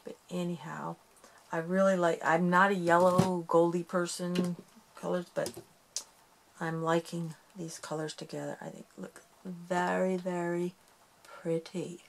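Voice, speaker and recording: A woman's voice: on the low side, flat delivery, measured pace, creaky, a little hiss or hum. A woman hosting a casual craft tutorial, chatty and self-deprecating as she talks through each step while working with her hands.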